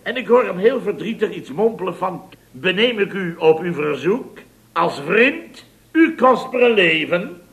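An actor playing a jovial man who retells a mishap in an animated, chuckling way, in 1960s radio comedy acting. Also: high voice, measured pace, gravelly, exaggerated voice. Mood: amused. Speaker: worker at a building firm.

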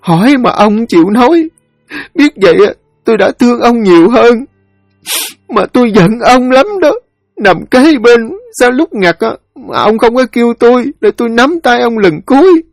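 A man's voice: very high-pitched, animated, extremely slow, creaky, pauses often, no echo, clean studio sound, faint music behind, voice pushed up, full character voice. A man voicing a grief-stricken elderly widow who sobs and pleads in a lament for her husband. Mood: wailing.

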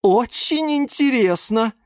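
A man's voice: very high voice, expressive, takes it slowly, a little mellow, clear, resonant tone, no room sound, clean studio sound, voice pushed up, full character voice. A man reading a children's audiobook voices a chatty mother who exclaims in naive amazement. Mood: amazed chatty. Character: chatty surprised mother, a woman.

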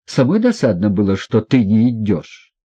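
A man voicing a hot-tempered, imperious older noblewoman who scolds in shrill outbursts. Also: wildly swooping pitch, moderate pace, mellow, husky, dull audio, full character voice. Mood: scolding.

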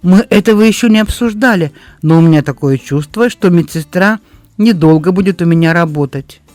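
A friendly, good-humored young man from a storybook, read by a man. His voice sits fairly high and he explains things in an easy, relaxed way. The sound is dry. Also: brisk, no echo, soft background music, natural voice. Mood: easygoing.

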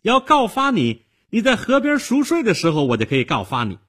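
A man's voice: sits high, huge pitch swings, brisk, fairly bright tone, voice pushed up, heavily acted. A man voicing an indignant, stubborn teenage girl who scolds sharply in a storytelling performance.

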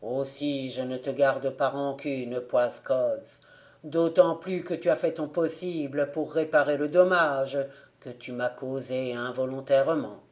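A woman's voice: very deep voice, fairly even intonation, a little slow, darkish tone, voice pushed down. A woman voicing the ghost of a dead man in an audiobook, with a cavernous, grave and reproachful voice.

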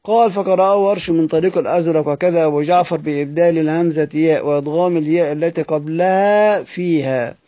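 A man's voice: fairly high pitch, dark tone, no room sound. A man with an Egyptian Arabic accent, teaching a classroom lesson on recitation; he repeats his questions to the students and draws out words as he recites. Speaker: teacher of Quranic readings.

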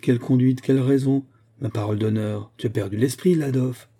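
A man's voice: mid-range voice, steady tone, fairly quick, dark tone, natural voice. A man voicing a cheerful, teasing young male officer who talks in a breezy, chatty, mocking way. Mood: incredulous.

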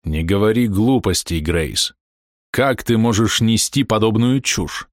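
A man's voice: on the low side, expressive, unhurried, no echo, studio quality. A man voicing a big, betrayed husband who turns harsh and explosive. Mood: dismissive. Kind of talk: audiobook character voice.

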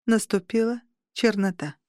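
A woman reading a first-person audiobook in a measured, steady way on a close mic. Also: medium pitch, dry recording. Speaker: audiobook narrator.

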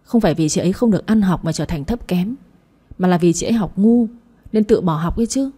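A woman's voice: fairly low pitch, brisk, dark tone, husky. A woman doing a snappish younger brother. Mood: curt. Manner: curt, snapping. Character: adult younger brother, defensive of his wife.

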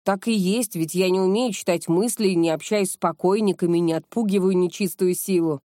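Woman reading calm, modest young man. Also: fairly low pitch, fairly quick, dry recording, studio quality, close to an everyday voice. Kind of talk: audiobook character reading.

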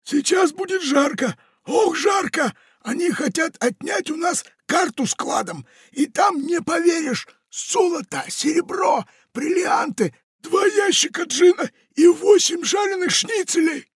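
A man voicing a boisterous, treacherous male pirate in a storybook, shouting his lines in a strained, raised voice. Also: animated, unhurried, few pauses, no echo, studio quality, heavily acted. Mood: boastful. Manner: shouting, exclamatory, high-pitched. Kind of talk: audiobook character voice.

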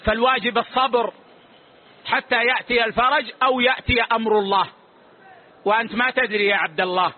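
Very high-voiced male religious teacher. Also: fairly even intonation. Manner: measured, authoritative, closes each answer with a short "yes". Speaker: religious scholar answering questions. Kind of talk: religious lesson with questions and answers. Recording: tinny phone-like lo-fi recording.

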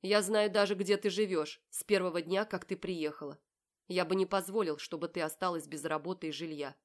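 A woman's voice: on the low side, a little fast, close to an everyday voice. A woman voicing a cold, commanding young man. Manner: curt, commanding, mocking. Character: cold self-assured predatory young man. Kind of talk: audiobook character voice.

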